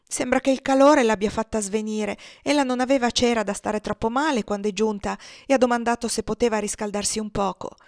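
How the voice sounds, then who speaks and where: A woman doing a pitying old housemaid, raised and bright. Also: on the high side, steady tone, fairly quick, few pauses, no echo, clean studio sound, pitched above the performer's own voice, lightly acted. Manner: pitying, chatty. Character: old housemaid, compassionate and talkative. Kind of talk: audiobook reading.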